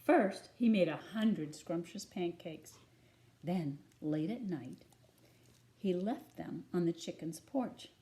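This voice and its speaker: A storybook reader with a voice on the low side reads a children's story aloud. Her storytelling is expressive and deliberate.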